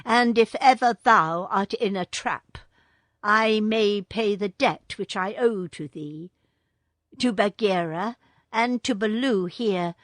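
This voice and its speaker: A woman's voice: mid-range voice, slow, no room sound, clean studio sound, lightly acted. A woman voicing Mowgli, an earnest young boy raised by wolves, speaking in an eager, raised voice.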